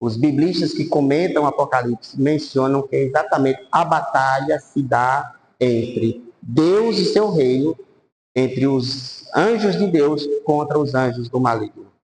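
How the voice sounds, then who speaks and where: Animated priest telling a story. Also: male voice, medium pitch, unhurried, a little hiss or hum, rough recording. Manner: animated anecdotes, voice rising and falling. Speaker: priest teaching a Bible course. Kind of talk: lively storytelling lecture.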